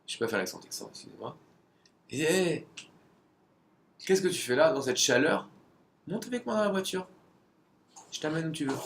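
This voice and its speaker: A man's voice: mid-range voice, gravelly, a little hiss or hum. A man giving a conversational religious lesson, asking rhetorical questions and sometimes searching for words.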